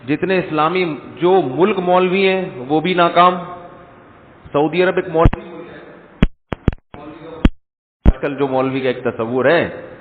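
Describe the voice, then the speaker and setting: A man's voice: a little high, slight background noise. A man giving a Friday sermon lecture, conversational, full of rhetorical questions and light jokes, recorded in a large echoing hall through the speaker system. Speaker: religious scholar. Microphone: speaker system mic. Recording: echoey hall over tinny lo-fi line.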